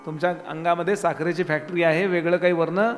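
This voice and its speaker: High-voiced preacher in an echoing hall. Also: male voice, steady tone, fast talker, faint music behind. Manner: conversational preaching with rhetorical questions. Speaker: kirtan preacher. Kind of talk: Marathi devotional discourse. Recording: long reverb in a hall.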